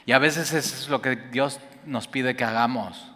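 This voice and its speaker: A man in his forties with a Mexican Spanish accent, preaching a sermon and telling stories with animated emphasis. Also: medium pitch, moderate pace. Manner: animated storytelling, shouts for emphasis. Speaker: pastor. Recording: long hall reverb.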